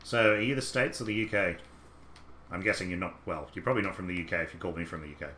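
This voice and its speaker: A young Australian man with a deep, bright, forceful voice talks at a racing clip, rambling easily through a game stream as he chats with viewers and mutters to himself about the game. The room is reverberant, with slight background noise.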